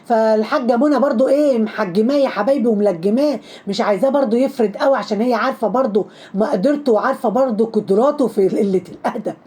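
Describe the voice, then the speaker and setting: A woman with an Egyptian accent giving casual, sarcastic gossip commentary in a mocking, animated way. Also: a little high. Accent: Egyptian Arabic.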